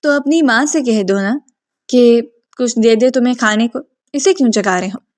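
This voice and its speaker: A woman's voice: fairly high pitch, darkish tone, natural voice. A woman voicing an affectionate, protective old grandmother in a storybook reading. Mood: loving. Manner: loving, soothing.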